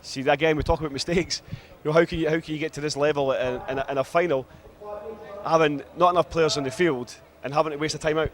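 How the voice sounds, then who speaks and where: A man's voice: a little high, steady tone, fast. A man with a broad Scottish accent giving live American football commentary in a chatty, explanatory way. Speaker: sports commentator, former player.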